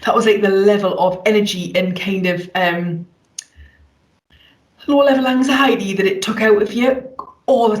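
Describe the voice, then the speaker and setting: A woman who is a parent and podcast co-host, earnestly explaining her experience in a casual chat. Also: mid-range voice. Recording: echoey room, away from the mic.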